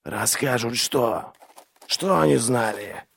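A man voicing a stern crippled male inquisitor who questions prisoners slowly and coldly. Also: mid-range voice, gravelly, slightly rough. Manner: slow, cold, deliberate questioning.

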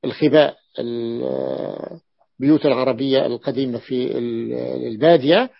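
Man teaching, slow and repetitive. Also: mid-range voice, gravelly, dry recording. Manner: explains slowly, repeating words and patterns. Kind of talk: classroom grammar lesson. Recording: dull lo-fi dry recording.

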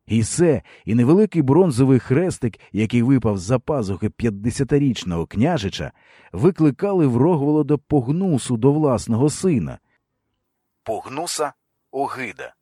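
Expressive male audiobook narrator. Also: medium pitch, normal speed, husky, dry recording, clean studio sound. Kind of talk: scripted narration of a historical novel.

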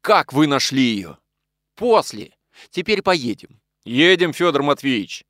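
Male reader doing an agitated old father, urgent and loud, dry close sound. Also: medium pitch, big pitch swings, measured pace, dry recording.

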